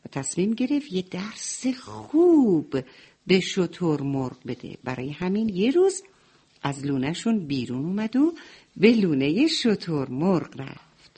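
A woman narrating a children's story in the role of a grandmother, expressive and tender. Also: fairly low pitch, slightly rough.

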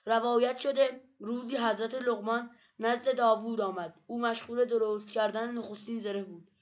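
A woman narrating religious stories from a book in a measured, steady storytelling manner. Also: fairly high pitch. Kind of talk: read-aloud book narration. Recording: dull lo-fi recording.

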